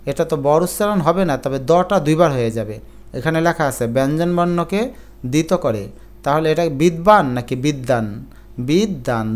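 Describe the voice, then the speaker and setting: A man's voice: a little high, darkish tone, clean tone. A male teacher giving an exam-prep lecture, explaining pronunciation rules step by step with worked examples. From Bangladesh.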